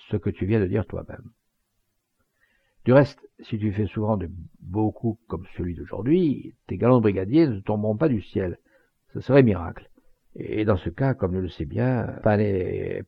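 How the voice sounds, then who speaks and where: A man's voice: lowish voice, vocal fry, breathy edge, dry recording. A man voicing a dignified old father, firm and plain-spoken, in a slightly muffled home recording.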